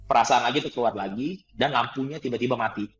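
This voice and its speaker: Animated man telling a story, lo-fi. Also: mid-range voice, fast, slight background noise. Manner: animated, laughs often, acts out dialogue. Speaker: guest trainer. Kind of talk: conversational storytelling.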